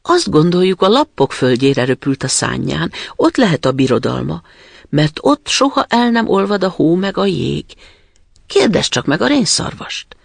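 A man's voice: fairly high pitch, big pitch swings, creaky, dry recording, voice pushed up, heavily acted. A man voicing a pair of cooing, mournful wood pigeons in a storybook reading. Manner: cooing, solemn.

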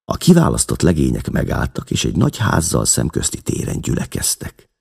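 A man reading a novel aloud as narrator, with a dramatic, expressive delivery. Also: very deep voice, vocal fry, breathy edge. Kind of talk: audiobook reading.

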